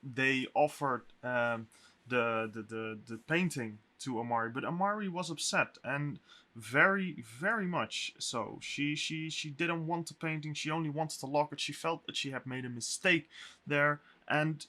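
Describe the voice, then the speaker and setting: A man recapping a tabletop game session as game master, his voice sounding echoey, talking haltingly with fillers and restarts. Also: a little high, bright, forceful tone.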